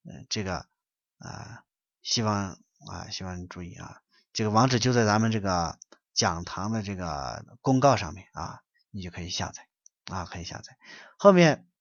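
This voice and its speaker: A man lectures in a preachy, scolding way, firing off rhetorical questions and often letting his phrases fade away quietly. His voice sits in a middle range. The recording is dull and lo-fi, with a dry, close sound. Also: sits low, expressive, moderate pace, gravelly, dry recording. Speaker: online lecture teacher answering questions. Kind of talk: lecturing and answering listener questions.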